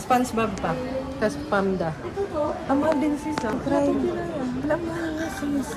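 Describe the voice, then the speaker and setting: A woman from the Philippines vlogging casually, quick and chatty, mixing in English words. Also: high voice, expressive, over a noisy crowd, low-quality recording. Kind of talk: casual vlog chat. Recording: phone audio with street noise.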